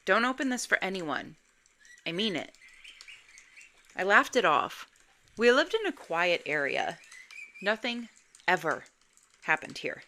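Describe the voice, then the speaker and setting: A woman narrating a first-person ghost story in a measured, suspenseful way. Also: fairly low pitch, pushed and bright, slight background noise. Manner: slow, measured, suspenseful delivery.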